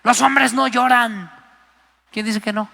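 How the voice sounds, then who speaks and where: A man's voice: extremely high pitch, steady tone, slow, gravelly, bright, forceful tone. A man preaching a Pentecostal sermon, passionate and emphatic, acting out the voices he quotes. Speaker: guest preacher. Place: live church service. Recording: long hall reverb.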